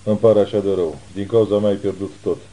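A man's voice: fairly low pitch, steady tone, dark tone, natural voice, poor audio. A man reading the lines of a frightened young mother who asks worried questions. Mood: anxious.

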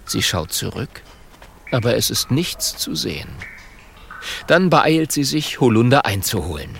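A narrator reading a children's story aloud in an expressive storytelling manner. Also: mid-range voice, unhurried, gravelly, slight background noise. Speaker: audiobook narrator.

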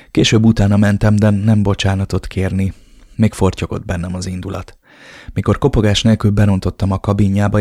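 A man narrating a romance novel in the first person with a low, brooding, even delivery. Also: gravelly, slightly rough, no room sound, clean studio sound. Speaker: audiobook narrator.

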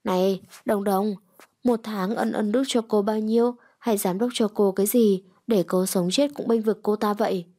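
Woman doing a spiteful office gossip in a storybook. Sneering, dark tone. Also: medium pitch, fairly even intonation, moderate pace, natural voice.

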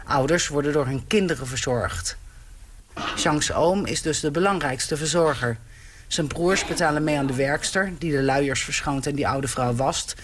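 A male correspondent reading a scripted radio report in a calm, measured way. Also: a little high, background noise. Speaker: foreign correspondent.

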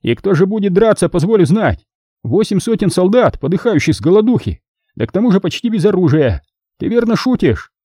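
A man's voice: high voice, very animated, fairly quick, dark tone, slightly rough, dry recording, studio quality, voice pushed up, heavily acted. A man narrating an audiobook and voicing a hungry, embittered young soldier who mocks and complains in a raised voice. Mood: bitter, mocking. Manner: scornful, complaining.

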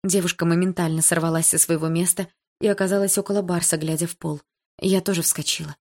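A woman with a fairly low voice narrates a first-person novel. She reads in an even, measured way, keeping the story moving steadily. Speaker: audiobook narrator.

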